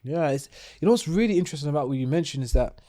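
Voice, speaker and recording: A man hosting a podcast interview, speaking in a measured, deliberate way. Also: on the high side, lively intonation, dark tone. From United Kingdom. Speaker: podcast host.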